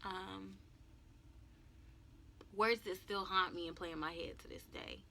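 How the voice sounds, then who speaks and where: A woman's voice: medium pitch, fairly even intonation, unhurried, vocal fry, sharp tone, a little hiss or hum. A woman in her twenties frankly telling a personal story in a video journal, candid and emotional. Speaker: vlogger.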